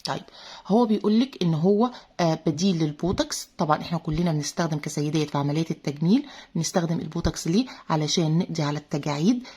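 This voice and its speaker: A woman's voice: sits low, a little mellow, breathy edge. A woman with an Egyptian accent chatting through a product review, full of fillers and talking straight to her female viewers. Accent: Egyptian Arabic. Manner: chatty, many filler "aah"s, addresses viewers as girls. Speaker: beauty vlogger reviewing a serum.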